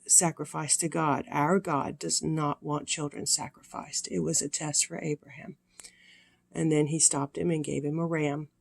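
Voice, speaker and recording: An older woman with a creaky voice reads stories aloud to children in a sweet, grandmotherly manner, pausing for casual explanations. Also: low voice, a little mellow. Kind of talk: read-aloud storytelling with casual explanatory asides.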